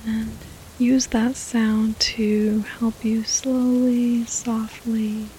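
A woman narrating a guided sleep meditation like a bedtime narrator, in a soft, breathy near-whisper with a gentle, soothing manner. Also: a little high, flat delivery, slight background noise, poor audio. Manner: slow, soothing, gentle, with long pauses. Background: rain sounds and faint music.

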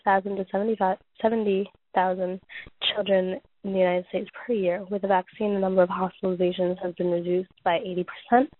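Hoarse woman reading notes over a tinny line. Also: mid-range voice. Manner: halting reading with frequent restarts and throat clearing. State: losing her voice, coughing. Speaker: podcast host reading points on a topic. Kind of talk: reading prepared notes aloud. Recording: tinny phone-like audio.

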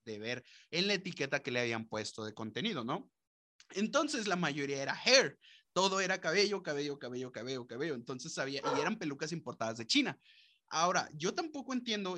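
Bright, slangy Mexican man chatting. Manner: slangy, joking, mimics people in high voices. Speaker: podcast co-host. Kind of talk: casual podcast chat.

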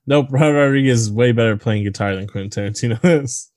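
A man's voice: mid-range voice, quick pace, a little mellow, no room sound, studio quality. A man co-hosting a casual movie podcast, crude and joking, rambling with fillers. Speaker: podcast co-host.

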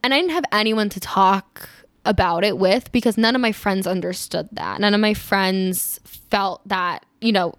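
Laughing readily, this Maryland woman in her 20s meanders through the story of her life, constantly using fillers and starting sentences over. She has a smooth, mid-range voice captured in a dry recording.

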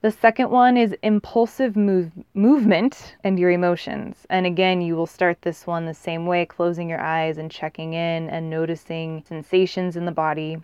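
A woman with a smooth, lowish voice talks as a wellness coach on a podcast. She is gentle and inviting, as if leading a body-awareness practice. The sound is close and dry but a little dull. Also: fairly even intonation, normal speed, few pauses, dry recording. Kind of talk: guided body-awareness talk in a podcast conversation.

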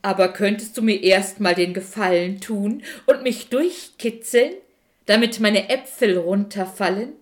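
A woman voicing a friendly talking apple tree that talks in a slow, stammering, goofy way. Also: mid-range voice, natural voice. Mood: playful.

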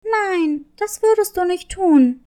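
A woman's voice: very high-pitched, slow, warm tone. A woman voicing a kind, eager little girl kitten in a children's story. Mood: sweet. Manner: sweet, earnest, eager. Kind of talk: storybook reading.

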